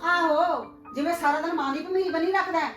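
A sharp-tongued village mother-in-law, played by a woman, bossy and loud as she scolds. Her voice sits high and rings in a roomy space. Music plays behind her. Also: a little fast. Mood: scolding. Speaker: mother in a short film. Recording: roomy film audio with music.

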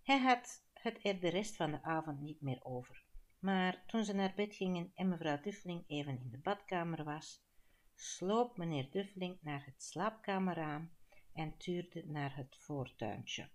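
A Flemish woman narrating an audiobook in a calm, measured storytelling manner. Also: lowish voice.

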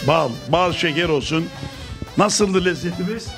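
An older male travel show host with a high voice, boisterous and jokey as he greets everyone. He speaks into a handheld mic in a busy restaurant while music plays clearly behind him. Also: a little slow. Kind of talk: lively roving interviews.

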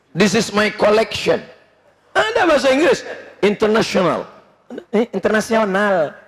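A man preaching a humorous, lively sermon in a mosque, with bursts of shouting. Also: high-pitched. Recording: long reverb in mosque hall.

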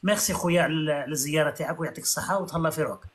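A man with an Algerian accent hosting a live stream, talking fast and arguing with an exasperated edge. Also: on the high side, a bit bright. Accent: Algerian Arabic. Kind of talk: heated live stream debate. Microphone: phone on a live stream.

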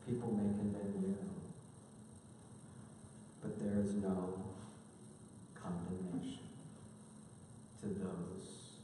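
A man preaching a sermon as pastor of a church, earnest, dropping to near-hushed passages and rising to impassioned ones. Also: low-pitched, level tone, slow pace, long pauses, noisy background. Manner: earnest, swings between hushed and impassioned delivery. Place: church sanctuary. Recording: echoey hall, distant mic, faint ambience.

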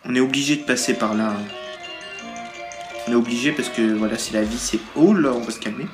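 A man's voice: medium pitch, fairly quick. A man giving playful, joking commentary while playing a mobile game, recorded on a tablet's built-in mic, with lots of hesitations. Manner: playful, jokey, frequent hesitations. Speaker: gaming YouTuber. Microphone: tablet mic through game-recording app. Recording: roomy sound over game music.

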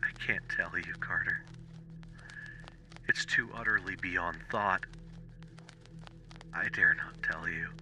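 A man's voice: low voice, pushed and bright, pitched above the performer's own voice, full character voice. A man voicing a terrified explorer trapped in a crypt, whispering shakily over a telephone line and pleading in fear. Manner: shaky, fearful whispering that rises to frantic pleading.

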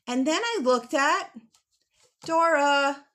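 Speaking slowly and animatedly, a high-pitched middle-aged woman, a children's author and illustrator, guides kids through a drawing lesson. Her explanations are simple and geared to children, with emphatic words. She's on a home video call using a computer mic, in a small room lined with bookshelves.

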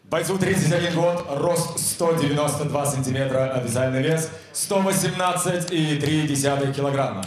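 Male boxing announcer, mature, high ringing voice, theatrical drawn-out introductions, echoing arena PA. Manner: formal, theatrical, booming delivery. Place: fight ring in a covered arena. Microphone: handheld microphone.

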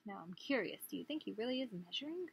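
A woman in her thirties reads a picture book aloud like a teacher, asking small children questions as she goes. Her medium-pitched, gravelly voice is very animated and fast. The audio is dull with slight background noise, recorded indoors in a small living room.

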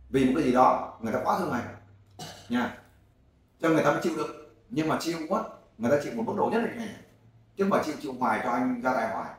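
Loud scolding man in an echoey room. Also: mid-range voice, recorded from a distance. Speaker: volunteer group interviewer.

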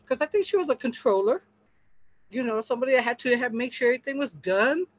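A woman's voice: a little high, expressive, fast talker, dry recording. Earnest woman sharing testimony, lo-fi. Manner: earnest, storytelling, acts out quotes with laughter. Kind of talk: casual testimony in a group discussion. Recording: dull lo-fi sound.

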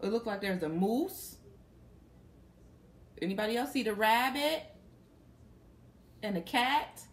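A young adult woman reads a picture book aloud to children in a small, plain indoor room, stopping to ask her young listeners questions. Her voice is a little high, slow, and lively in intonation.

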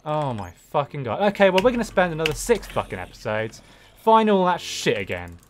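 A man's voice: on the high side, big pitch swings, a little fast, background noise. A young man chatting casually as he plays a game, complaining in an exasperated, sweary way. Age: young adult. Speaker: gaming video co-host. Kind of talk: casual let's play chat.

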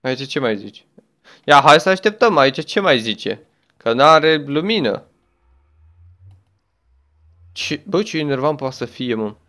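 A man's voice: medium pitch, sing-song, pauses often, bright, forceful tone. A young man chatting his way through a game as a gaming YouTuber, exclaiming often and talking to the game and a friend. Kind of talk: let's play commentary.

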